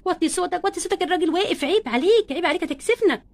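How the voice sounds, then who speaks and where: A carefree, demanding wife doll from a doll play, voiced by a woman, with an Egyptian accent. She coaxes and waves off worries breezily. She speaks in a very high, rapid voice. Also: animated, a little mellow. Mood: breezy. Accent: Egyptian Arabic.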